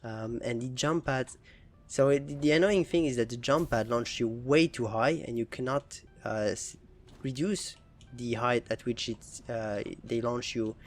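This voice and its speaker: Young man, gaming voice-over, casual, hesitant, mid-pitched. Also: measured pace, faint music behind. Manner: relaxed, hesitant with frequent fillers and restarts. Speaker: gaming channel host. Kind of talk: casual gameplay commentary.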